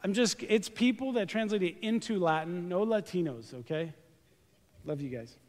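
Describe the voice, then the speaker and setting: A man preaching in a church sanctuary, joking and animated, with casual slang. His voice sits fairly high for a man. The sound carries a long reverb from the hall. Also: moderate pace. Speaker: pastor. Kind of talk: sermon.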